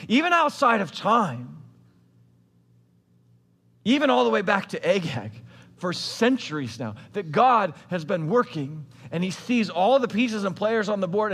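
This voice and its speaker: A man with a high voice preaches a sermon. He retells an old scripture story like he is chatting with friends, dropping in modern slang and asides. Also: fairly bright tone, in a large hall. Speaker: pastor.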